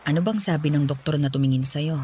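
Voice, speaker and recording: Woman acting a gently concerned aunt, lower voice. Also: fast, slight background noise, close to an everyday voice. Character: concerned, devout aunt of a sick young woman. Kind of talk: Filipino radio drama dialogue.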